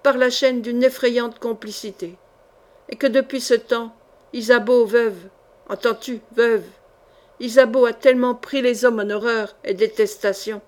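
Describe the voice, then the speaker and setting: A haughty queen speaks with cold scorn and fierce pride in a fairly high voice, as a woman reading an audiobook puts her on. She sounds proud and passionate, looking down on everyone around her. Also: close to an everyday voice.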